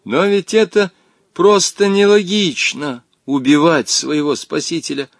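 A man's voice: high voice, lively intonation, moderate pace, no echo, studio quality, voice pushed up. A man voicing an indignant, nervous young boy in an audiobook, protesting and pleading.

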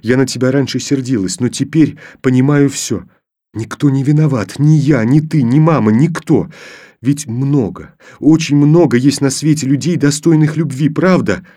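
A man's voice: mid-range voice, moderate pace, dark tone, breathy edge, close to an everyday voice. A man voicing a remorseful teenage girl. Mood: tender, pleading. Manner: pleading, earnest.

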